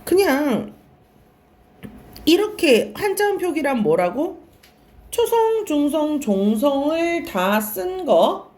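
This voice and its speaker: A woman's voice: high voice, sing-song, slow pace, long pauses, a little mellow. A woman teaching a classroom lecture, asking questions and answering them herself, and repeating and stretching key words. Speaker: Korean language teacher.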